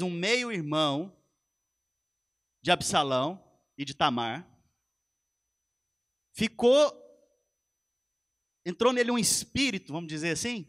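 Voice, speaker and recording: A male pastor delivers a sermon, his high and bright voice carrying the story with animation. He speaks straight to his congregation as he goes. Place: church.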